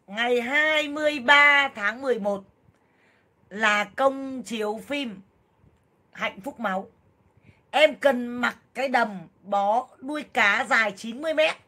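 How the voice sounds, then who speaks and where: A woman in her thirties on a casual livestream, loud, blunt and jokey, full of exclamations as she talks to viewers. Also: a little high. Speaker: livestream seller and vlogger.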